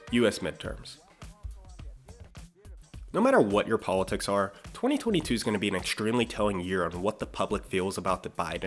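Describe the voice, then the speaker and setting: A young adult man from Pittsburgh, Pennsylvania, hosting an economics channel in scripted explainer narration, energetic and mildly sarcastic. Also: fairly low pitch.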